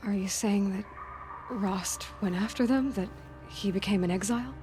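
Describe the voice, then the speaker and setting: A woman's voice: mid-range voice, moderate pace, close to an everyday voice. A woman as Aloy, earnest young huntress, over music. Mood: intent, troubled. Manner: intent, probing, restrained questioning. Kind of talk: naturalistic video game acting. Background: background music.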